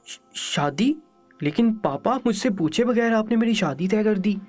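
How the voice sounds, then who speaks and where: A man's voice: fairly high pitch, steady tone, faint music behind, lightly acted. A man voicing a hurt, tearful young daughter in a storybook reading, with a pained, pleading delivery.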